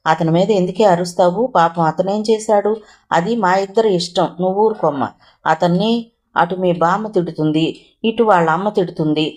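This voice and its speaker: A woman voicing a gentle, middle-aged mother who pleads softly with her daughter. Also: on the low side, moderate pace, natural voice. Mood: coaxing. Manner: soft, pleading.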